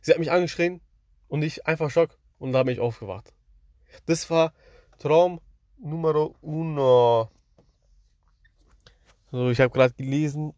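A man's voice: mid-range voice, a little mellow, no room sound, studio quality. Slangy young man telling dreams. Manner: slangy, rambling, addresses the audience. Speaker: streamer. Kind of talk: casual storytelling to viewers.

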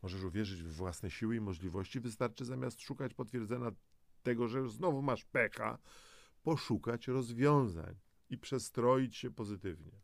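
In a creaky mid-range voice at normal speed, with no echo, a man presents a self-help audio guide. His motivational scripted narration addresses the listener directly in an encouraging way.

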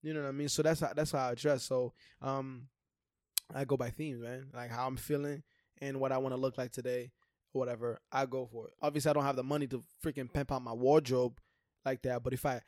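A man's voice: mid-range voice, flat delivery, brisk, a little mellow, no room sound, studio quality. A young man chatting casually like a frat bro, slangy and profane, often repeating himself as he goes. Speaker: podcast co-host. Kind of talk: casual chat.

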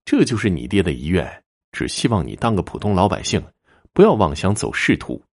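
A man's voice: low-pitched, sing-song, a little fast, heavily acted. A man voicing a strict widowed mother who speaks curtly and coldly. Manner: curt and cold.

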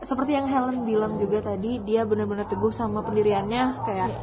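A woman's voice: medium pitch, fairly even intonation, brisk. A young woman, hosting a casual chat and teasing her friends as she steers the talk. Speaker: host.

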